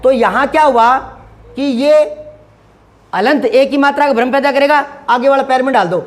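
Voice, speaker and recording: A man's voice: very high-pitched, normal speed. A middle-aged man giving a Hindi grammar lesson. He is patient, repeats and stretches sounds to show how they are spoken, and often checks whether students follow. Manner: patient, repeats and drags out sounds to demonstrate pronunciation; asks rhetorical check-in questions. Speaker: Hindi teacher. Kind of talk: classroom-style grammar lesson.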